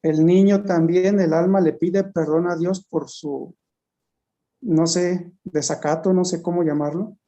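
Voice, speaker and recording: Slow, dark-voiced speaker recounting experiences. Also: mid-range voice, fairly even intonation, highs cut off. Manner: unhurried, halting, retells dialogues. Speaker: interviewee. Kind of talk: slow storytelling testimony.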